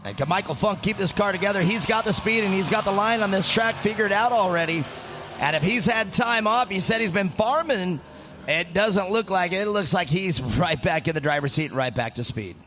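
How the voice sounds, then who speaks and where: Chatty high-voiced male race analyst. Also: a little fast, a bit bright, a little hiss or hum. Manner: chatty, tells anecdotes. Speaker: color commentator. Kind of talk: live race commentary.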